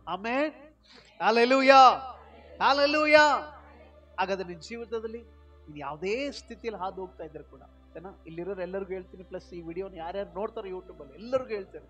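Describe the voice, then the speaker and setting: A man pastor with a Kannada accent preaching a sermon, swinging between loud exclamations and soft intimate appeals, often repeating his phrases. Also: high voice. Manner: repeats phrases, mixes English words into Kannada. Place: prayer hall.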